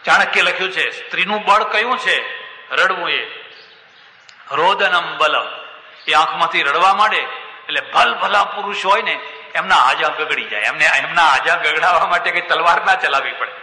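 A male preacher tells stories in an animated way, with a fairly high, very bright and forceful voice. He is recorded in a large echoey hall where the reverb hangs long. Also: moderate pace. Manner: lively, animated retelling that acts out the voices. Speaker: swami, preacher. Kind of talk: sermon storytelling.

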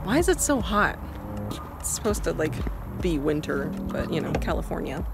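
A young woman chatting casually and excitably to a phone held at arm's length, mostly outdoors. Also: low voice, normal speed, vocal fry. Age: young adult. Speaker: vlogger and dance cover director. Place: mostly outdoors in yards, streets and plazas. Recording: phone vlog with loud music behind. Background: loud music.

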